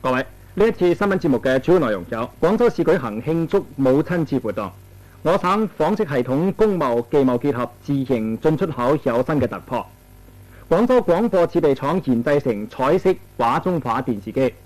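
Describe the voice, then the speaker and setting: Cantonese newsreader on old VHS tape. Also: male voice, on the high side, poor audio. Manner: steady, measured broadcast delivery. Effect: old VHS tape recording. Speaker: news anchor. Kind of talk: formal news and weather reading.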